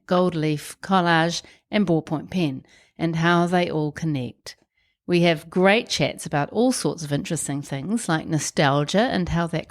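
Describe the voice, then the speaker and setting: A congested woman with a New Zealand accent and a croaky, wheezy, blocked-up voice, hosting a podcast. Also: sits low. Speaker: podcast host. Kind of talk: podcast introduction and interview chat.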